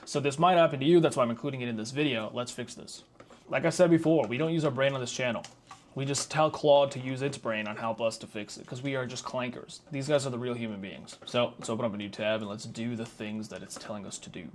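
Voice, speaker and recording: A man's voice: medium pitch, steady tone, quick pace, a little hiss or hum. Young man, tutorial host, casual, chatty, slangy, self-mocking. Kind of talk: casual screen-recorded tutorial.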